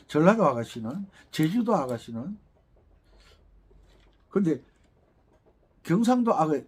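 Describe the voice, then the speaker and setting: A middle-aged man with a Gyeongsang Korean accent teaches an accordion lesson, chatting and rambling with teasing asides in casual lesson talk. His voice is on the high side, a little mellow, and slightly rough.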